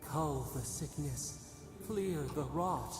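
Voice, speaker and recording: An actor voicing an eerie, mournful spirit that speaks slowly and cryptically as "we". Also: mid-range voice, lively intonation, over music. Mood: ominous. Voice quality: gravelly. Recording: echoey game audio with noise.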